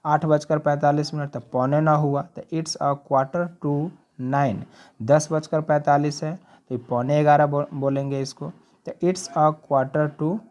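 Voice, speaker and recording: A man teaching a spoken English lesson as a voice-over on slides, explaining step by step, checking in often and slowing right down for each English example phrase. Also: a little high, a little mellow.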